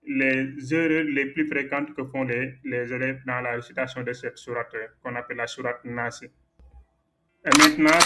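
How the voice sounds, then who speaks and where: A man's voice: mid-range voice, bright, forceful tone, a little hiss or hum. A man teaching a Quran recitation lesson, patiently correcting a student's errors and repeating the right forms, with frequent hesitations.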